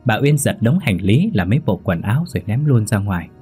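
A man narrating a scripted story in a steady, measured reading. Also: fairly low pitch, breathy edge, soft background music.

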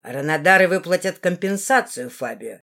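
A woman voicing a smug, mocking young nobleman who talks calmly. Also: fairly low pitch, moderate pace.

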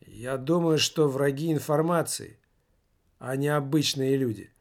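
A man's voice: medium pitch, a little slow, close to an everyday voice. A man voicing a stubborn male office worker who keeps pressing for answers. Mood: insistent. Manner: insistent.

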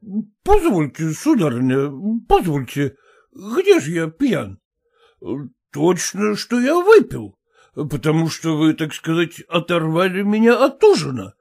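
A woman voicing a middle-aged male village medic who has been drinking, rambling and defensive in a slow, hesitant way. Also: fairly high pitch, huge pitch swings, creaky, a little mellow, pitched below the performer's own voice, full character voice. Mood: tipsy defensive. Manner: rambling, self-justifying, drawn-out hesitant speech.

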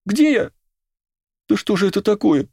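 A male audiobook reader voicing a frightened, confused young woman in shrill, panicky outbursts. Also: huge pitch swings, unhurried, a little mellow, husky, no room sound, studio quality, heavily acted. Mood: panicked. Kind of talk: audiobook character voice.

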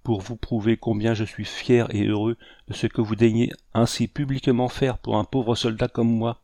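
A man's voice: mid-range voice, flat delivery, normal speed, mellow, dry recording, studio quality, lightly acted. A man voicing a humble, emotional colonial general in an audiobook, speaking deferentially. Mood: moved.

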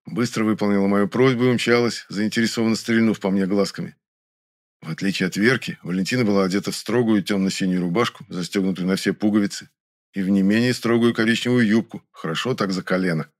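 A man with a fairly low voice narrates an audiobook in the first person. He tells the story in an even, matter-of-fact way. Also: dry recording, studio quality.

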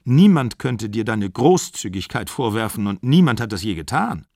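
A man playing a calm, firm middle-aged father speaking in a measured, cool way. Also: lowish voice, creaky, no echo, clean studio sound, exaggerated voice.

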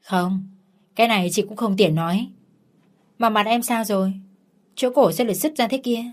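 A woman's voice: mid-range voice, moderate pace, natural voice. A frank, talkative woman selling medicine, voiced by a woman storyteller, blunt and a little gossipy. This is an audio story read by one woman. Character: frank, kindly pharmacy saleswoman.

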